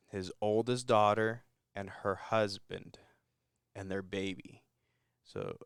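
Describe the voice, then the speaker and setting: A man's voice: low-pitched, creaky, fairly bright tone, smooth, no echo, studio quality. A man co-hosting a podcast, giving a rambling, laid-back recap of a movie in casual chat with chuckles. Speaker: podcast co-host.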